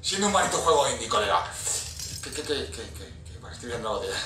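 A man's voice: medium pitch, big pitch swings, quick pace, bright, forceful tone, echoey room, far from the mic, slight background noise, low-quality recording. A man with an accent from Spain nervously commentating a horror game, swearing a lot and yelping at scares. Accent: Spain Spanish. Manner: jumpy, swearing, nervous chatter with sudden yelps. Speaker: gaming youtuber.

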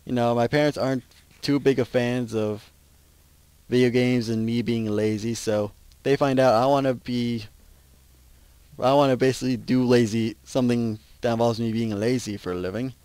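A teenage guy talks through a game at a middle pitch, rambling and cutting himself off mid-thought. His voice sits close and dry on a gaming mic, with no room sound around it. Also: steady tone, normal speed, warm tone, clear, resonant tone, no room sound. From Minnesota. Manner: rambling, self-interrupting, chatty. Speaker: gaming channel host. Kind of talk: casual gameplay commentary.

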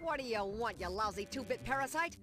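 A woman's voice: a little high, lively intonation, brisk, a bit bright. An actress voicing a burly female monster bouncer in a cartoon adventure game, tough and sarcastic, talking in gangster slang.

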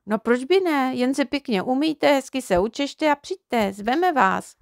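A woman's voice: high-pitched, expressive, creaky, no echo, studio quality, voice pushed up. A woman voicing a kind, fussy little girl in a storybook who talks in a sweet, coaxing, motherly way.

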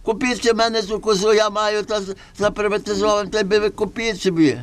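A man's voice: high voice, level tone, a little fast, close to an everyday voice. A man voicing a pleading, exclaiming village peddler with a Galician western Ukrainian accent in a folk puppet play. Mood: wheedling. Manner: exclaiming, folksy, appealing to the crowd. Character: pleading, wheedling village peddler trying to sell his goat. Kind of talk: folk puppet theatre performance.

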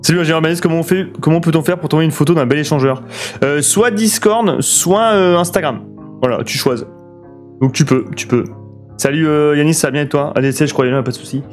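A young man from France giving lively, swear-filled commentary while building roads in a city game and answering his chat. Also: fairly high pitch, fast talker. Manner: excitable, swears a lot, talks to chat. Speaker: streamer. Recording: faint guitar music behind.

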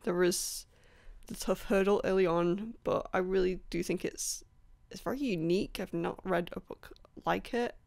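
A woman chatting casually about books she has read, rambling with many ums, apologizing and laughing softly, her voice a bit rough. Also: on the low side, normal speed. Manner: apologetic, laughs between points. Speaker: book vlogger. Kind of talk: casual book review chat.

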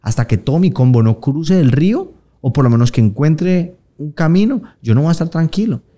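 A man in his thirties with a Colombian Paisa accent, chatting casually in an interview, slangy and relaxed, acting out the voices of people he quotes. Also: on the high side, brisk. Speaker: interviewed singer.

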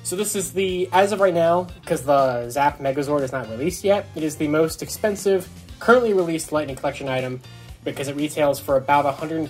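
A young man reviewing toys on his vlog speaks enthusiastically and informally to camera while unboxing, indoors in a small dorm bedroom. He has a slightly high, slightly mellow voice.

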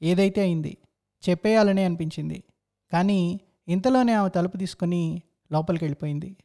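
A man's voice: sits high, fairly quick, vocal fry, mellow. A man narrating a first-person story in a reflective, introspective way.

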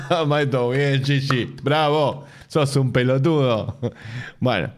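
A thirties man with an Argentine Spanish accent reads a post aloud on a casual home stream, his mid-range voice moving at a slow pace. He keeps interrupting himself with sarcastic, laughing asides. Behind him is a home room lined with bookshelves.

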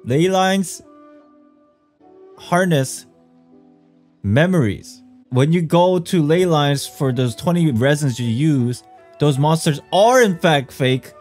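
A young game streamer with a fairly high voice and a darkish tone speaks slowly and expressively, leaving long pauses as he offers casual live commentary and speculation. He records on a large studio mic close by in a small furnished room at home, with faint game music in the background.

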